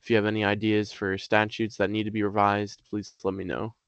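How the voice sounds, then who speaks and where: A young man with a smooth, fairly low voice reports rule changes in a level, matter-of-fact way. The sound is dry and close. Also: monotone, a little fast, dry recording, lo-fi sound. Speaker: attorney general. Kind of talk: meeting report.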